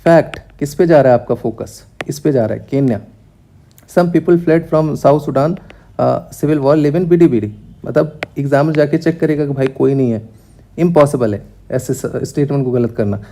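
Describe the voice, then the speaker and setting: A young man teaching exam tricks to students in a quick, direct way, mixing in English terms. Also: mid-range voice, mellow. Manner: brisk, talks straight to students, mixes English terms into Hindi. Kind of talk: explaining exam questions.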